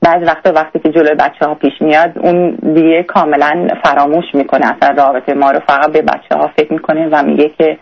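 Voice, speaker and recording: A young woman calling in to a radio advice show, talking in a halting, hesitant way with many restarts. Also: low-pitched, little pitch movement, creaky, husky, lo-fi sound. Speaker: caller. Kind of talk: radio call-in conversation.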